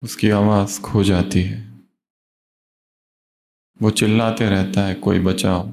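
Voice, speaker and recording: A man telling a moral story as a spiritual speaker, in a measured, pausing way. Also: lowish voice, level tone, darkish tone. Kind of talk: storytelling sermon.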